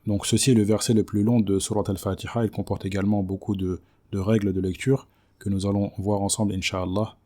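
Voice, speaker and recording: A man teaching Quran recitation rules, patiently repeating words slowly to show the right pronunciation. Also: fairly low pitch, little pitch movement, warm tone. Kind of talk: tajwid lesson.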